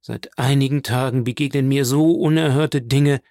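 A man's voice: mid-range voice, fairly even intonation, moderate pace, darkish tone, no echo, clean studio sound, natural voice. A man reading an audiobook, voicing a distraught nobleman magistrate in a pleading, anguished manner.

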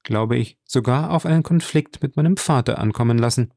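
A man's voice: mid-range voice, fairly quick, gravelly, darkish tone, no echo, studio quality. A man voicing an earnest young vicomte in an audiobook, raising his voice to play him. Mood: pleading. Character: young eager male vicomte.

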